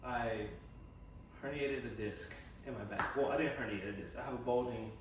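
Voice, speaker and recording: This casual personal vlog features a young man, a vlogger and physical therapy assistant student, musing aloud in a rambling, reflective way at a moderate pace in a mid-range voice. It was recorded in an echoey room from a distance, with faint noise present.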